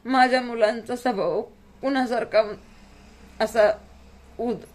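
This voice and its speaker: A woman's voice: on the high side, slow pace, a little mellow. Middle-aged woman, own voice, tearful pleading vlog talk, close to crying. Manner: pleading and tearful, rural Marathi speech. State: close to tears. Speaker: vlogger. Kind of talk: emotional personal vlog talk.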